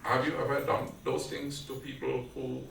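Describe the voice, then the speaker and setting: A man's voice: mid-range voice, flat delivery, vocal fry, a bit bright, a little hiss or hum. A man from Guyana with a Guyanese accent, giving a devotional sermon at a family prayer gathering and questioning his listeners as he tells a story. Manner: slow storytelling with questions to the audience. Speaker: satsang speaker. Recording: echoey room, distant mic, faint background.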